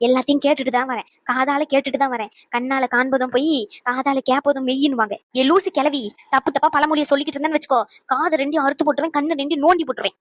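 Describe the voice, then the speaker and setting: A woman doing a fast, shrill old busybody. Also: steady tone, natural voice. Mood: tattling. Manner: rapid, shrill, tattling. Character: meddling old mother-in-law, gossiping and scheming. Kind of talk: animated cartoon voice acting.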